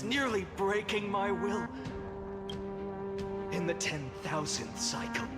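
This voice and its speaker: A male actor with a high voice plays a weary, defiant fallen hero in a video game, weighed down by countless lifetimes. The dramatic scripted delivery is solemn and grandiose, edged with bitter scorn. Loud game soundtrack music plays behind him.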